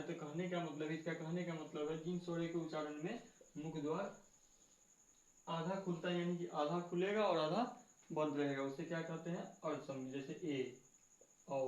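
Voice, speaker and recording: A man's voice: a little high, a little mellow. A man teaching a grammar lesson, asking the class questions and answering them himself, going back over each point. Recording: echoey room, dull lo-fi sound.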